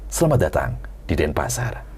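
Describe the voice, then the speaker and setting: A voice talent playing a formal male airline pilot who reads a cabin announcement in a smooth, measured way. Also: very deep voice, big pitch swings, a little mellow, voice pushed down, full character voice. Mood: formal, composed.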